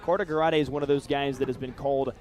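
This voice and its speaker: The audio is poor as a young American man does live radio play-by-play at an outdoor baseball stadium. His medium-pitched voice is steady, fast, and a little mellow, set against crowd sounds and ballpark ambience.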